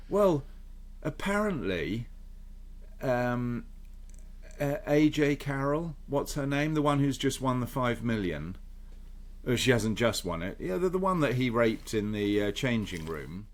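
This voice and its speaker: A man's voice: medium pitch, big pitch swings, unhurried. A man co-hosting a podcast in casual chat, rambling and hesitant as he hunts for words. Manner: rambling, hesitant, full of ums and restarts. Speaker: podcast co-host.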